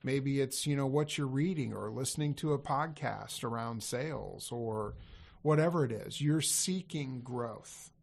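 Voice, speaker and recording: Gravelly guy rambling on a podcast about sales, keeps restarting his sentences. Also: mid-range voice, unhurried. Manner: rambling, self-correcting, laughs easily. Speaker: guest, sales coach. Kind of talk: casual podcast conversation.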